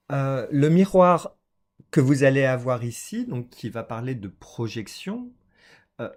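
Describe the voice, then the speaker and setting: A man doing a casual oracle card reading for his viewers, talking hesitantly with many fillers and small laughs. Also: mid-range voice. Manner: hesitant, many fillers, chatty and warm-toned about cards.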